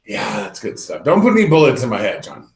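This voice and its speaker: A man co-hosting a podcast in casual banter, animated and sometimes jumping into high-pitched impressions. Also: fairly quick, gravelly. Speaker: podcast co-host. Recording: echoey room.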